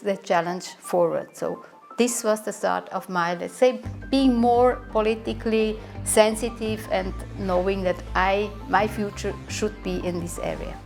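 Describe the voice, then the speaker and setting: A woman's voice: mid-range voice, vocal fry, a little mellow. A woman in her sixties, a diplomat, answering an interview question in a hesitant way with many fillers and restarts.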